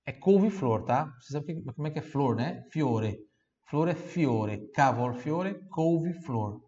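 A man teaching Italian vocabulary, saying each word slowly and asking the listener to repeat it, then explaining quickly in between. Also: fairly high pitch, lively intonation, mellow, lo-fi sound. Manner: slow, drawn-out model words, quick asides. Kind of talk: language lesson with drills.

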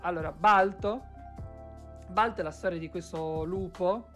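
A woman's voice: lowish voice, a little slow, a bit bright. A young adult woman, chatting casually on a live stream in an emphatic, rambling way, repeating words for stress. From Carrara, Italy. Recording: background music behind voice. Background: music.

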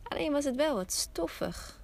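A woman hosting a podcast, telling a fairy tale slowly and softly, often close to a whisper. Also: high voice, lively intonation. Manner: slow, soft storytelling, often near a whisper. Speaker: podcast host and storyteller.

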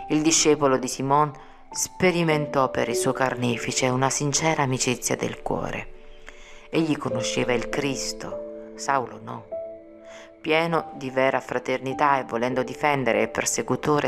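A woman narrating an audiobook in a measured, solemn reading. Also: very deep voice, creaky. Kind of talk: scripted narration. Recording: music playing behind. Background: music.

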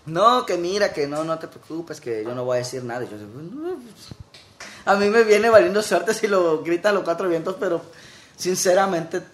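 A Mexican man recounts a personal story in a casual chat, with wry, dry jokes along the way. His voice sits a little high. The echoey room gives his voice a roomy sound. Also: fairly quick, slight background noise. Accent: Mexican Spanish.

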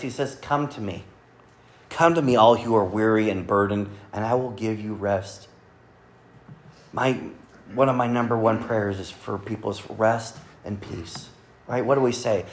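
A man preaching a Sunday sermon to a congregation, earnestly quoting scripture and often dropping to a soft, quiet delivery. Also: lowish voice, a little hiss or hum. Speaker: pastor. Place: church service with congregation.

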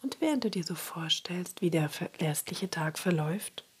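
A woman guiding a relaxation meditation in a soft, soothing spa-like whisper, breathy and husky. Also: lowish voice, animated, moderate pace. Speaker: relaxation exercise guide.

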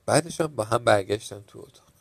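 A man narrating a children's storybook tale in a calm, measured reading. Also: fairly low pitch, breathy edge.

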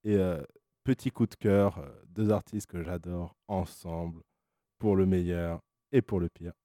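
A man's voice: sits low, steady tone, unhurried, warm tone. A man in his twenties hosting a blind test in casual chat, teasing and playful, laughing often. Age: 20s. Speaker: radio host running a blind test.

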